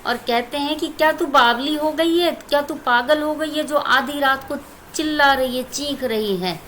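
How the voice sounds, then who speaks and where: A woman's voice: high voice, normal speed, fairly bright tone, a little hiss or hum, low-quality recording. Indian woman teacher explaining a poem. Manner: recites verse lines, then explains them plainly to students. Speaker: Hindi teacher.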